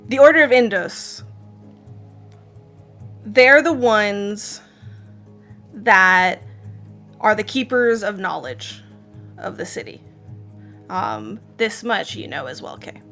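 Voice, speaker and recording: A woman with an Israeli accent runs a tabletop game as game master, narrating in a casual way with frequent laughter and fillers. Her voice is fairly high in pitch with a sharp tone.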